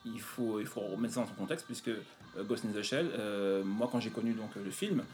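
A man presenting retro video games in a casual chat, pausing often with fillers. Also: lowish voice, darkish tone, faint music behind. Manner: hesitant, many fillers. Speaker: game presenter.

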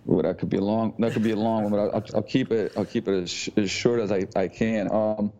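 A man from Slovenia, a gym owner speaking as a podcast guest in a halting way, often repeating words before going on. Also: on the low side, fairly even intonation, dark tone, slight background noise. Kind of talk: casual interview talk. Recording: dull lo-fi audio.

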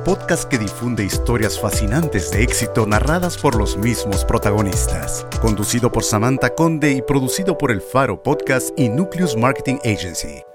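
Lively man announcing over loud music. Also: medium pitch, normal speed, few pauses. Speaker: show announcer. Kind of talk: scripted podcast intro.

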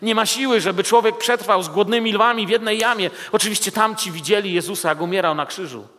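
A man with a rather high voice preaches a sermon, retelling the story with vivid detail and turning often to his listeners. His words ring out with a long hall reverb behind them. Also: fast, a bit bright.

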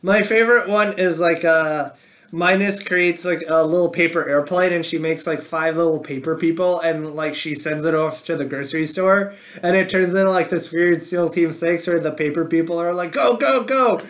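A man with a slightly high voice chatting casually as a podcast co-host. He rambles, piling on fillers and restarts as he tells a story. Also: steady tone, normal speed, fairly bright tone. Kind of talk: casual chat.

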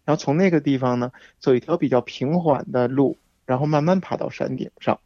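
Man explaining hiking routes calmly. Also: mid-range voice, no echo, highs cut off. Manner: explanatory, measured, with frequent fillers. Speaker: guest hiking expert. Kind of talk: casual radio interview.

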